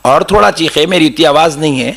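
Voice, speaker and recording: A man preaching a sermon. He tells stories in a lively way, calls out to the congregation, and breaks into melodic chanted recitation. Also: fairly high pitch, fairly quick, creaky, crowd noise.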